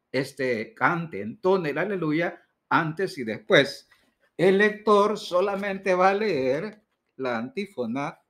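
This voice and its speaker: Male instructor, slightly high-pitched, measured teaching delivery, gives direct practical advice. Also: a bit bright. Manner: deliberate, stresses key words slowly; direct, addresses listener with advice. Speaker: liturgy instructor. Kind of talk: instructional talk.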